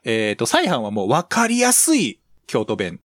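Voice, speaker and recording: A man's voice: medium pitch, huge pitch swings, moderate pace, fairly bright tone, no echo. A man presenting on a talk show, explaining things in polite, casual Japanese phrasing. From lives in Shiga, Japan. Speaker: talk show host reading listener mail. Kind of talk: casual talk with read-aloud letters.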